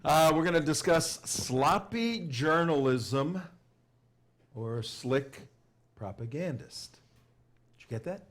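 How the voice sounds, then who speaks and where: A man's voice: on the high side, expressive, slow pace, long pauses. A man hosting a talk radio show, emphatic and sarcastic, often repeating his phrases. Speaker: host. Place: radio studio.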